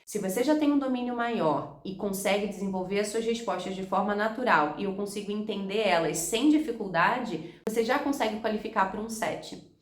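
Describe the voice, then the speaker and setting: Brazilian woman teaching with Rio accent. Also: medium pitch. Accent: Rio de Janeiro Portuguese. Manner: direct, talks to viewer as "you", models English phrases slowly. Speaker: English teacher. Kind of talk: explaining IELTS speaking tips to camera. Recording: echoey room.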